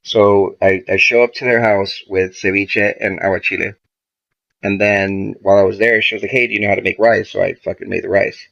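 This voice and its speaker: A man's voice: lowish voice, fairly even intonation, brisk, creaky, fairly bright tone. A man, a podcast guest, casually telling a story full of profanity and quoted back-and-forth dialogue. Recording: dull lo-fi podcast audio.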